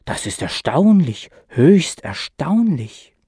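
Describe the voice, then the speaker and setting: A man's voice: medium pitch, very animated, moderate pace, dark tone, husky, no echo, clean studio sound. A man reading a story aloud, voicing a shy but chatty, cheerful stranger in his mid-forties who speaks with eager politeness. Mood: delighted.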